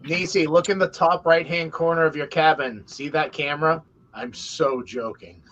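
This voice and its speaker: A man's voice: fairly high pitch, fairly even intonation, normal speed, a bit bright. A man chatting casually as co-host of a livestream group. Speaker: livestream co-host greeting arrivals. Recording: dull audio, faint noise and clicks.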